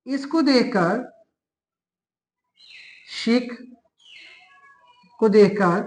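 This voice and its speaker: A man with a Pakistani accent giving a classroom lesson as a language teacher, talking slowly and deliberately and spelling out syllables one by one. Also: sits high, rough recording.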